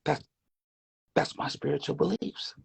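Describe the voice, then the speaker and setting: A man's voice: fairly high pitch, measured pace, gravelly, breathy edge, no echo. A man giving a rambling, preachy casual monologue, now and then dropping to a whisper.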